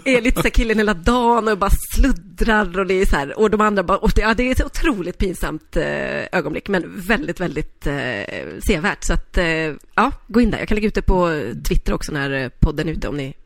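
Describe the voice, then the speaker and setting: A podcast co-host in casual chat, telling stories in an animated, rambling way full of fillers. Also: mid-range voice, few pauses, no room sound, studio quality.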